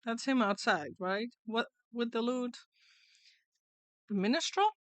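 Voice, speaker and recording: A woman's voice: a little high, slow, no room sound. A woman voicing a sassy, blunt, sceptical adventurer from a video game. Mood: blunt, suspicious. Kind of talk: reading video game dialogue in character.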